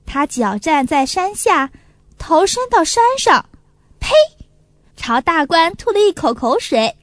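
A woman reading a children's folk tale aloud, expressive and animated. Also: very high-pitched, measured pace, no room sound, clean studio sound. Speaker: storyteller. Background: faint music.

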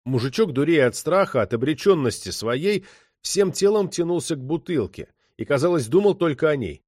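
A male audiobook narrator with a slightly high voice that rises and falls a great deal. The sound is close and dry, with no room echo. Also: very animated, moderate pace, darkish tone.

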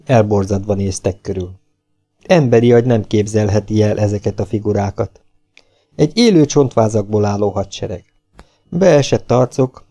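A man reading an adventure novel aloud as an audiobook, with a measured, dramatic delivery. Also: medium pitch, dark tone. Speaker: audiobook reader. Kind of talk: audiobook narration.

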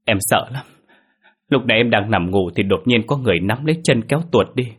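A man's voice: on the low side, lively intonation, quick pace, slightly rough. A man putting on a terrified young wife's voice. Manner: pleading, sobbing, panicky. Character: frightened pregnant young wife, fiercely protective.

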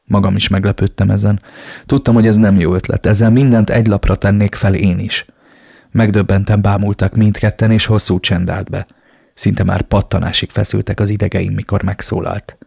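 A man reading a novel aloud in first person, with a steady storytelling manner. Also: fairly low pitch, creaky, husky, no echo, clean studio sound. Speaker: audiobook reader.

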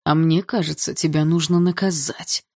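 A woman voicing a brooding, menacing teenage schoolboy who growls quietly. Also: a little high, fairly even intonation, moderate pace.

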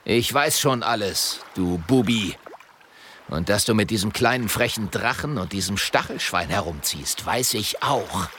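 A man voicing a grumpy, scheming male wizard in a children's audiobook, talking gruffly and slowly. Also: fairly low pitch, animated, pushed and bright, a little hiss or hum, voice pushed down. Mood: sneering. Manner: gruff, sneering, slow and menacing.

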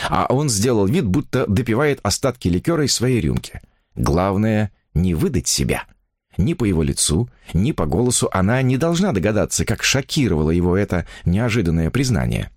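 A man reading a novel aloud in a measured, expressive audiobook narration. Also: fairly low pitch, no echo, studio quality.

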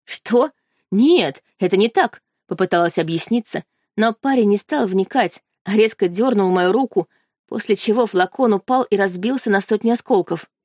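A woman reading a first-person fantasy story aloud in a steady, measured way. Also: medium pitch, no echo, clean studio sound. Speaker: audiobook narrator.

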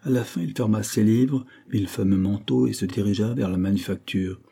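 Husky low-voiced man reading a novel. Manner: steady, measured reading. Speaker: audiobook reader. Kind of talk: audiobook narration.

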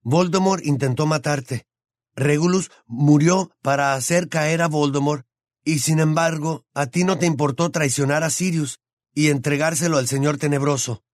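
A man's voice: a little high, moderate pace, no room sound, studio quality, voice pushed up, natural voice. A man voicing a stern, determined teenage boy who questions firmly. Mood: stern questioning. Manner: firm, questioning. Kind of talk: audiobook character voice.

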